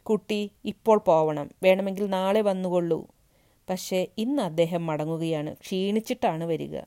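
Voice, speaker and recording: A woman's voice: lowish voice, normal speed, natural voice. A woman voicing an anxious wife in her forties who pleads and then turns furious, in a read-aloud story. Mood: anxious pleading. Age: 40s. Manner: pleading, rising to shouts.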